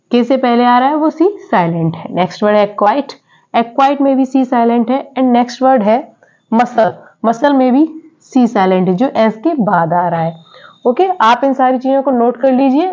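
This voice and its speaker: A woman's voice: a little high, a little mellow. A woman teaching English in a classroom style, repeating each word and quizzing her students with questions. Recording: dull lo-fi sound.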